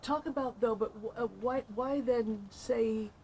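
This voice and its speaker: A woman's voice: a little high, unhurried, a little mellow, slight background noise. Probing woman talk show host. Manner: probing, pressing questions with restarts. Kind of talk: interviewing a guest.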